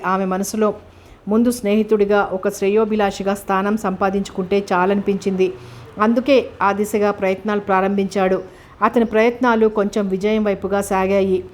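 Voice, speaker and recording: A woman reading a novel aloud as an audiobook narrator, in a steady, measured way. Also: medium pitch.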